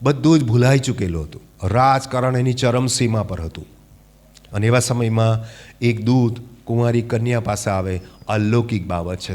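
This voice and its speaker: A male preacher delivering a fervent sermon. He keeps asking his listeners questions and calling for claps and hallelujahs, dropping to a hush and then rising loud again. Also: medium pitch, slight background noise. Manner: calls for claps and hallelujahs, asks the congregation questions; dramatic swings from hushed to loud.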